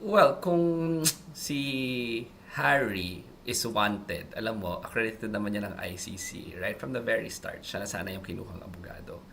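A man speaking as a lawyer guest in an interview, emphatic and animated, mixing in English phrases. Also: fairly low pitch, measured pace, creaky, few pauses, a little hiss or hum. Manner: animated and emphatic, mixes English into his talk. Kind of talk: expert interview commentary.

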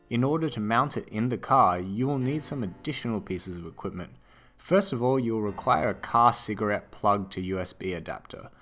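Australian man, low-pitched, calm explainer for a scripted how-to voice-over, soft music under him. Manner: steady, explanatory. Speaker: tech video narrator.

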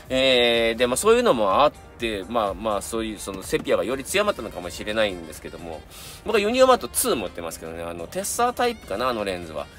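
Here a middle-aged man speaking with a Kansai accent runs a camera channel, rambling casually through gear reviews and viewer submissions with lots of fillers and side comments. His voice is mid-range with a fairly bright tone.

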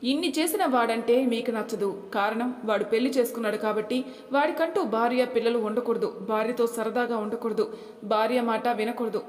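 A woman's voice: on the high side, brisk, close to an everyday voice. A woman voicing a stern older father who lectures his family with rhetorical questions, in an echoey room. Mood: scolding. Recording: echoey room, long reverb.

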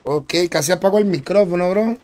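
Here a young male gaming streamer talks in a high, warm voice at a fairly quick clip. He keeps the live chat laid-back, repeating phrases and welcoming viewers by name.

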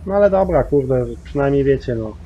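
A man's voice: medium pitch, lively intonation, fairly quick, highs cut off, slight background noise. A man giving rambling, casual commentary while playing a farming game, full of mild swearing fillers. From Poland. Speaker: gaming YouTuber.

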